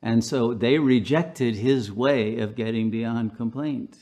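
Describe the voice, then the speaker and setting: A man's voice: medium pitch, slow, dark tone. A male pastor delivering a sermon, telling stories unhurriedly with frequent fillers.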